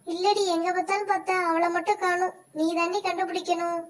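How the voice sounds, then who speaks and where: Brief: bossy seeker doll girl, played by a woman, very high-pitched, calls out and teases the hiders in a toy play story. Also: little pitch movement, a little fast. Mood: calling, searching. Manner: calling out, teasing.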